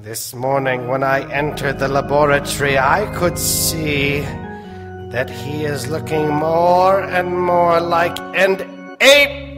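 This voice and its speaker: An actor playing a macabre doctor who hosts and narrates old-time radio horror, in a theatrical, ominous manner. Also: male voice, on the high side, steady tone, slow pace. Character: macabre, leisurely male doctor telling eerie tales. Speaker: host and narrator. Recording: echoey theater stage, organ music behind. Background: organ music.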